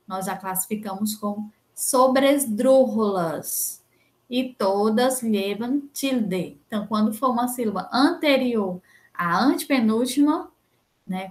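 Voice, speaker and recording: A young adult woman with a Brazilian Portuguese accent, teaching a Spanish lesson and patiently explaining rules with frequent checks like "né?" and "tá?". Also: fairly high pitch. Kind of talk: recorded online lesson.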